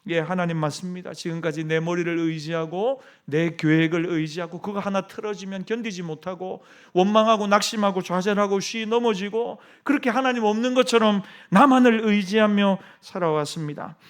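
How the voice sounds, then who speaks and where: A man's voice: high-pitched, normal speed, hardly any pauses, natural voice. A man voicing Jacob's prayer in a sermon, pleading desperately and humbly.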